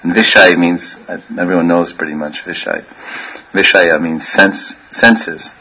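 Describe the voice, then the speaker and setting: A man teaches a sermon in a husky, bright voice. He is playful, laughs often and slips into acted voices to make his points. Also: deep voice, steady tone, a little slow, low-quality recording. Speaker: spiritual teacher.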